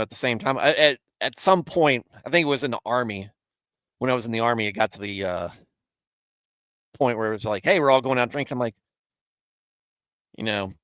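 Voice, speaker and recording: A fairly low-voiced man in his thirties takes viewer questions on his casual Bible live stream, wandering off track, correcting himself mid-sentence, and laughing now and then. His tone is sharp, and the recording is dry and close-miked.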